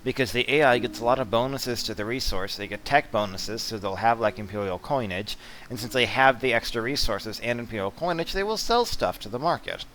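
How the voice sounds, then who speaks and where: A man giving relaxed, blunt commentary while walking through a strategy game, with mildly profane asides. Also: medium pitch, a little fast, slight background noise. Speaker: strategy game guide presenter. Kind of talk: casual gameplay commentary.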